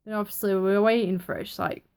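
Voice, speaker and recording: Young woman, casual reviewer, chatty and excitable. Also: medium pitch, fast, smooth. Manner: chatty, excitable, acts out quotes. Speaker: TV episode reviewer.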